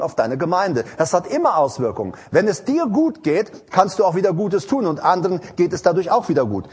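A man's voice: high voice, darkish tone, slightly rough. A man preaching an informal sermon, hesitating with fillers and rising to emphatic prayer.

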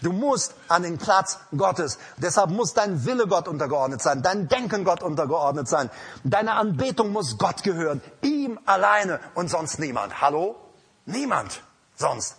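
A man's voice: high voice, very animated, measured pace, a bit bright, husky. A man preaching an emphatic sermon with an altar call in a church, calling out to the congregation. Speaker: pastor. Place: church hall.

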